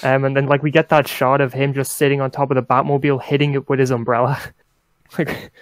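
A man's voice: medium pitch, flat delivery, fast, no echo. A young man co-hosting a casual rewatch podcast, hesitant with many ums and wry little laughs. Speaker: podcast co-host. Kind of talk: casual chat.

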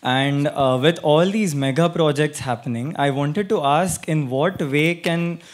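A young man speaks from the audience of a big hall, his voice on the high side. He asks eagerly into a handheld mic but keeps stalling on fillers. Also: a little slow. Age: young adult. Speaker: student, young scientist. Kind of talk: audience question at a panel. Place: auditorium audience. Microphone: handheld microphone.

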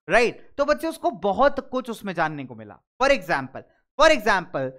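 Male teacher, online class lecture, animated, story examples, checking questions. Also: high-pitched, clean tone. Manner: animated, asks checking questions, tells everyday stories. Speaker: school teacher.

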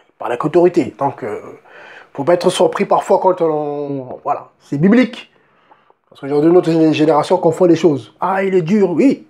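High-voiced man preaching a sermon. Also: warm tone. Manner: emphatic, keeps asking the listeners "voyez?"; repeats and restarts words as he preaches. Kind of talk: sermon with Bible reading.

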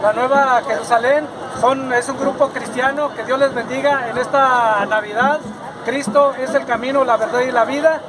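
A man's voice: very high voice, steady tone, normal speed, background noise. A man, a vlogger chatting on camera in a busy outdoor city plaza. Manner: friendly, chatty. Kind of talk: casual on-camera vlog chat. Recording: loud crowd and accordion behind.

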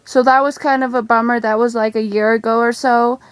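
A young woman chatting excitedly in a casual home vlog, rambling with many ums and gushing asides. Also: fairly high pitch, a little fast, dry recording. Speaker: vlogger.

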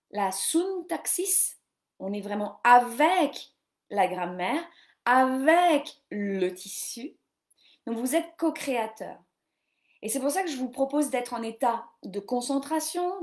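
Woman, 40s, yoga teacher, casual live-stream talk, slightly high voice, self-mocking, many restarts. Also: a little mellow. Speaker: yoga teacher and podcast host. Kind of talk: casual live-stream chat about reading. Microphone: computer or phone camera on a live stream.

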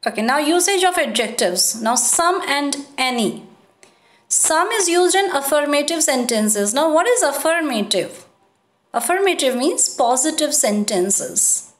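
A woman's voice: high-pitched, animated, measured pace. A woman teacher explaining grammar step by step, repeating points and checking in with her students. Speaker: school teacher. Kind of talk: grammar lesson. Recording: echoey room.

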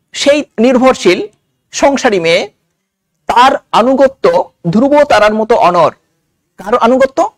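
A man's voice: very high-pitched, no room sound, clean studio sound. A man with a Bangladeshi Bengali accent teaching a literature lesson, reading passages from a novel and explaining them line by line, sometimes voicing the characters' village dialect. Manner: reads quoted dialogue in village dialect, then explains it.

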